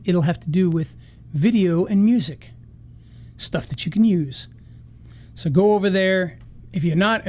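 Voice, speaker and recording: Hosting a live marketing session, this man has a voice that sits high and sounds a little mellow. He's starting to lose his voice as he rambles loosely through a casual wrap-up of the stream, restarting often.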